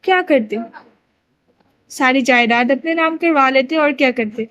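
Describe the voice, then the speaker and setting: A woman narrator reads an irritable injured young man in an audiobook novel. He grumbles with dry sarcasm. The voice sits high. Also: a bit bright, highs cut off. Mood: irritated.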